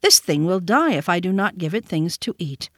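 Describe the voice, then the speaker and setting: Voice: medium pitch, sing-song, moderate pace, a bit bright, no room sound, studio quality. A storybook reader voicing the young man-cub Mowgli, bold and challenging. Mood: curious. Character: fierce young man-cub boy, defiant.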